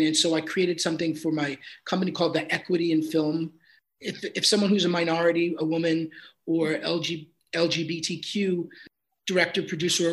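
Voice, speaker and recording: A man's voice: on the high side, fairly bright tone, poor audio. A man working as a film composer, talking earnestly and thoughtfully in an interview, with repeats and restarts. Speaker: film composer and sound designer. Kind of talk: casual interview chat.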